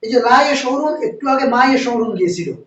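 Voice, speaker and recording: A woman giving a classroom lecture on Arabic grammar, slowly repeating words and asking her students questions. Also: fairly high pitch, expressive, slight background noise. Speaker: Quran teacher. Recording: roomy, dull, distant mic.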